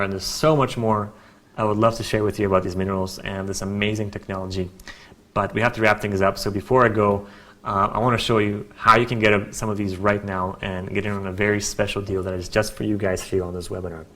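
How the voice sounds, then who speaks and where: A man presenting a webinar as an informal hard-sell sales pitch, with chatty asides. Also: fairly even intonation, a little fast, fairly bright tone. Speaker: webinar presenter selling a product.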